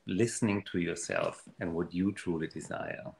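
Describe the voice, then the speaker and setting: A man giving an earnest, animated motivational talk in a casual conversation. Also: low voice, normal speed, creaky, echoey room. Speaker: guest speaker on money mindset.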